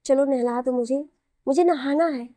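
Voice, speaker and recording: A woman's voice: high voice, normal speed, mellow, no echo, studio quality, close to an everyday voice. A woman voicing a playful young husband who teases and whines like a child, in a read-aloud romance story. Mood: teasing. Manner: childlike whining, pouty.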